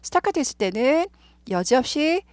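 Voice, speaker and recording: A woman's voice: high-pitched, sing-song, moderate pace, a little mellow, no room sound. A woman with a Korean accent teaching English words and pronunciation, repeating each word over and over for learners to follow. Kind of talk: explaining English vocabulary and pronunciation.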